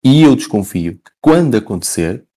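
A man with a European Portuguese accent and a mellow, relaxed tone of medium pitch. He explains things informally, circling back over phrases and often checking that the listener follows. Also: moderate pace. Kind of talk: casual conversational explanation.

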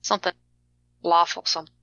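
A woman's voice: quick pace, pushed and bright, no echo, lo-fi sound. A woman playing a tabletop game over a voice call, speaking casually while her audio glitches and keeps cutting out. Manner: casual, swears freely.

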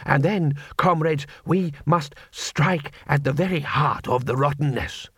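A man voicing a solemn male revolutionary leader who speaks slowly and gravely. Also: on the high side, fairly bright tone, no room sound, studio quality.

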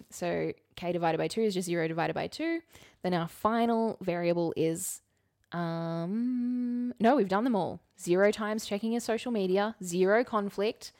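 A mid-range, slightly mellow voice at a measured pace belongs to a woman co-hosting a podcast. In casual, comedic chat she plays things mock-serious, thinking through a formula out loud.

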